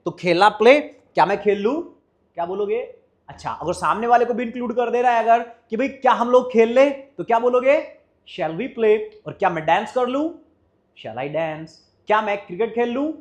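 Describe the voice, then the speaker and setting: High-voiced man teaching English in Hindi. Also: normal speed. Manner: asks the class questions and answers them himself. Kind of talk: spoken English lesson in Hindi.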